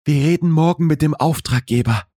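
A man's voice: fairly high pitch, fairly quick, mellow, no echo, clean studio sound, pitched above the performer's own voice, lightly acted. A man voicing a proud young woman architect, clipped and indignant in an audiobook romance.

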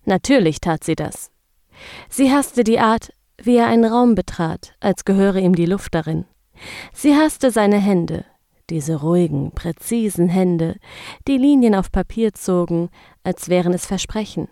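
Woman reading a romance story, hushed. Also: medium pitch, expressive, measured pace, no room sound, clean studio sound. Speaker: narrator. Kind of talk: scripted narration of a romance story.

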